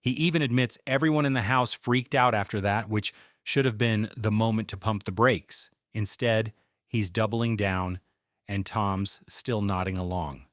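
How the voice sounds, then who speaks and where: A man's voice: on the low side, steady tone, normal speed, no echo. A man reading scripted commentary in a dry, sarcastic tone. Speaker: commentary host.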